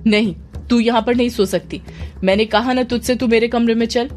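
A woman voicing a jealous, sharp-tempered young woman who speaks bossily in a Hindi horror audio story. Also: medium pitch, moderate pace, soft background music, natural voice. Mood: irritated. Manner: snappish, bossy.

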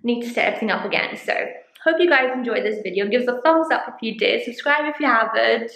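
A rambling, chatty woman with a somewhat high voice, talking through a casual home tour for her vlog. Her voice rings around a small room at home, and it comes back noticeably echoey. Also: lively intonation, fast talker, fairly bright tone. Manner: chatty and rambling, with frequent ums and likes. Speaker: vlogger.

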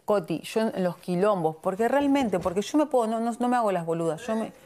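Woman, Argentine accent, reality show contestant, heated argument, insistent, keeps asking if she is understood, mid-pitched voice. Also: expressive, fairly quick, warm tone. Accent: Argentine Spanish.

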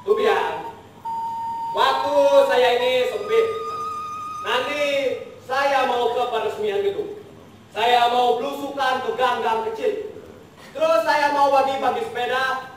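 A young male student actor playing a pompous, bossy regent in a comic stage play, with theatrical, deliberate delivery. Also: very high voice, faint music behind. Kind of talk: comic amateur stage acting. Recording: noisy, echoing stage, distant microphone.

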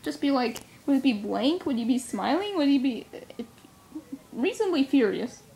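A woman's voice: high-pitched, lively intonation, moderate pace, gravelly, dark tone. A young woman co-hosting a casual fan chat, rambling and giggly as she speculates. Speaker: comic fan co-host.

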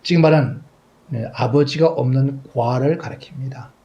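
Male pastor, sermon storyteller, acts out dialogue, wide loud-to-soft swings. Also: medium pitch, normal speed, highs cut off. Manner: swings between loud exclaims and soft trailing asides.

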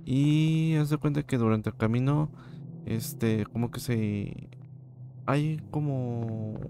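Gravelly Mexican gamer joking through horror. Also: male voice, medium pitch, warm tone, slight background noise. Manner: joking, slangy, yelps when scared. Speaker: gaming host. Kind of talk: horror let's-play commentary.

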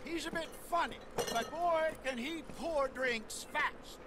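A man's voice: very high voice, slow, background noise. An actor playing a sly, boisterous saloon huckster with theatrical showman patter in a western video game.

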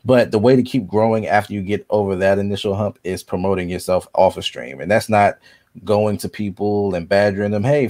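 Low-voiced man chatting as a streamer guest. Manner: relaxed, conversational, frequent ums. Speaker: podcast guest, video game streamer. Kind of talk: casual podcast chat.

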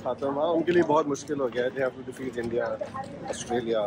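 A middle-aged man giving short, calm answers to a friend's camera in an outdoor stadium stand. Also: medium pitch, moderate pace. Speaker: friend of the vlogger. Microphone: camera held by another person. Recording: noisy open-air stadium.

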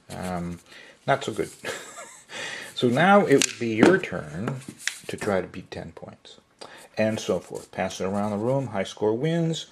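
Gravelly, relaxed man demoing a game. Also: fairly low pitch, a little hiss or hum. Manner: folksy, relaxed, with fillers. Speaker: craft shop owner demonstrating a product. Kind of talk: casual product demo. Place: indoor workshop tabletop.

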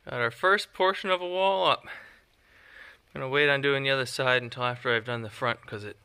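A home builder vlogger in his thirties films his house build in the woods on a phone held at arm's length, rambling casually with fillers and self-deprecating asides. His voice is medium-pitched, moderately paced, sharp, and clean.

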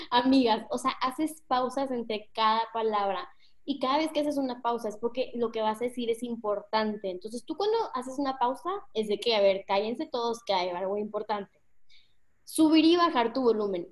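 Chatty young Mexican woman coaching. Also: a little high. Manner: chatty, slangy, addresses the audience directly. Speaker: public speaking coach. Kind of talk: casual online workshop talk.

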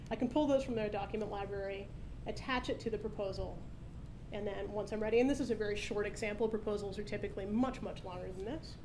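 Brisk woman presenting a product demo. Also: mid-range voice, noisy background. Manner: brisk, explanatory, upbeat. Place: conference stage at a meetup, indoors. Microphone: podium microphone.

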